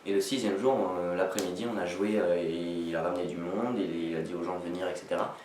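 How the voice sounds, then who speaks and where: A man talking casually to viewers in a vlog, rambling, halting and self-deprecating. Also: low voice, steady tone, a little mellow. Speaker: amateur sketch writer introducing own video. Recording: echoey, slightly noisy, distant microphone.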